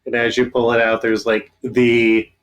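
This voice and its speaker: A man's voice: medium pitch, completely flat delivery, unhurried. A man acting as game master, improvising narration in a loose, conversational, descriptive way.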